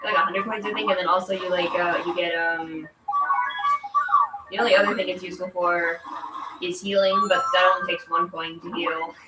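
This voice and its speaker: A game streamer, congested from allergies, chats while playing in a rambling, informal way packed with "like." Her voice is fairly low with a level tone and normal speed. The distant mic picks up an echoey room and loud video game music.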